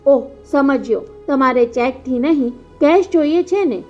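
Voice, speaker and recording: A woman reading the part of a wealthy older father who pleads softly, in a dull lo-fi recording with faint music. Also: high voice, animated, measured pace. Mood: pleading. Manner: soft, restrained delivery.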